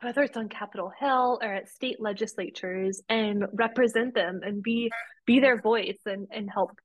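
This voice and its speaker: A woman's voice: mid-range voice, moderate pace, dry recording. A woman from Romania, a podcast guest and policy advocate, telling her story earnestly with frequent restarts. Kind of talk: conversational interview.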